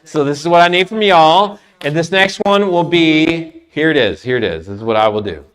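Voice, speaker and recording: A man leading a trivia game for a church youth group, talking playfully and sometimes loud. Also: a little high, normal speed, clean tone. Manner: playful, lively, loud at times.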